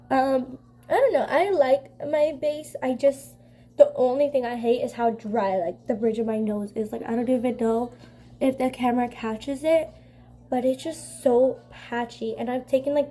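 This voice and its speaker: Young woman beauty vlogger, high mellow voice, nasal from a cold, loose rambling chat. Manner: rambling, filler-heavy, says "like" constantly. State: congested from a cold. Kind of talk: casual chatty makeup vlog.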